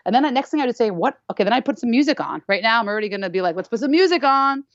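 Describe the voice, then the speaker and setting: A woman dance teacher talking in a podcast interview, animated and playful, acting out little voices and laughing often. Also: medium pitch, rapid-fire, no room sound. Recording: dull lo-fi sound.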